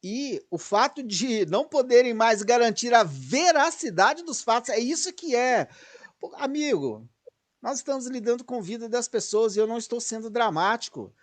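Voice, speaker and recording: Excitable man hosting commentary. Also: extremely high pitch, normal speed. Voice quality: excitable, digressive, self-correcting. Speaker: host. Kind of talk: political commentary.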